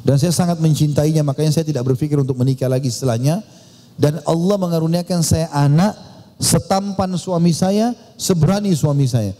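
A man voicing a grieving devout widow who pleads slowly and earnestly in a sermon story. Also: on the high side, warm tone, natural voice. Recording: long hall reverb.

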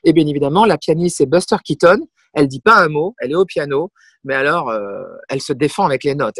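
A woman's voice: low voice, husky, no echo, studio quality. A middle-aged woman, a singer and comic performer, telling stories as an interview guest with emphatic repetitions. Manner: lively anecdotal storyteller with emphatic repetitions. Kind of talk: casual interview storytelling.

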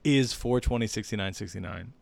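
A man co-hosting a podcast in casual chat, rambling with jokey deadpan asides. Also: lowish voice, brisk, gravelly. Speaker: podcast co-host.

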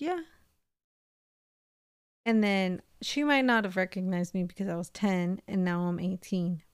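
A woman's voice: medium pitch, a little mellow, smooth, dry recording, clean studio sound. A young woman co-hosting a podcast, casually recounting a strange dream with lots of "like" and quoted dialogue. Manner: chatty, lots of "like" and acted-out quotes. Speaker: podcast co-host. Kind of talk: casual storytelling.

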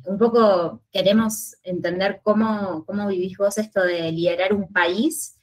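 A woman, co-hosting a podcast and asking questions in a measured, curious way. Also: medium pitch, steady tone, poor audio. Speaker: podcast co-host. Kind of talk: podcast interview.

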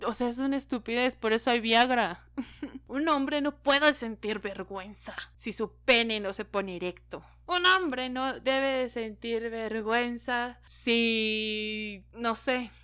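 A woman with a Mexican Spanish accent speaks to her viewers in a loose, candid monologue and swears without a second thought. Her voice sits a little high and sounds smooth and clear. The sound is dry and close, with no room around it. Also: takes it slowly, a bit bright, no echo. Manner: frank and profane, laughing often. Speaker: vlogger.

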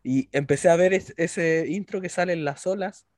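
A young adult Chilean man co-hosting a casual podcast, relaxed and slangy, telling childhood stories. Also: fairly high pitch, normal speed, no room sound, clean studio sound. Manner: relaxed, laughs often, slangy. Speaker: podcast co-host. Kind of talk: casual chat.

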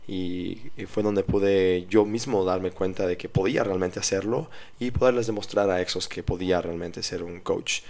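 Man, deep voice, Mexican accent, podcast guest, calm, hesitant, hotel room. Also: moderate pace, vocal fry, few pauses. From Mexico City. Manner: calm, hesitant storytelling with many fillers. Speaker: guest, strength and conditioning coach. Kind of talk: casual podcast interview. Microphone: portable recording kit.

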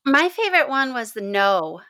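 Bright, high-voiced woman co-host. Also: moderate pace, dry recording. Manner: animated storytelling, laughs often. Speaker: co-host of a book discussion. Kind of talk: casual chat.

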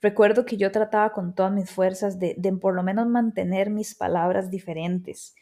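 A woman's voice: medium pitch, steady tone, dark tone. A woman, telling her life story in a candid, reflective way on her own show. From Argentina, raised in Costa Rica. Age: 30s. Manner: reflective, candid, with pauses and restarts. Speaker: podcast host. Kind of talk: personal storytelling monologue.

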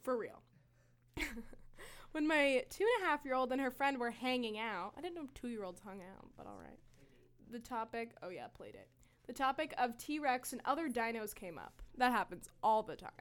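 A woman in casual chat, giggly and expressive, often laughing as she reads and reacts to stories. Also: fairly high pitch, moderate pace. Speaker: co-host.

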